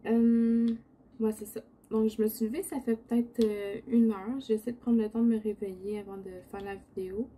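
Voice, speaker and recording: A woman's voice: on the high side, flat delivery, moderate pace, mellow. A woman with a Quebec French accent chats casually while crafting, rambling a little in a sleepy morning voice. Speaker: diamond painting video host. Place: indoor home craft setup.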